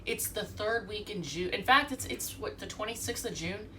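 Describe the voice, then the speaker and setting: Talking directly to viewers, a woman from the United States does a chatty, rambling tarot reading while congested from allergies. Her mid-range voice has a sharp tone and moderate pace, and the distant recording carries a little hiss or hum.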